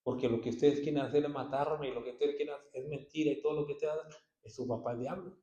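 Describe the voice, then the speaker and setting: Preacher in an echoey church. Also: male voice, steady tone, fast, muffled recording. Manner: swings from low murmurs to loud bursts of praise. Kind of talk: sermon. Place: church hall.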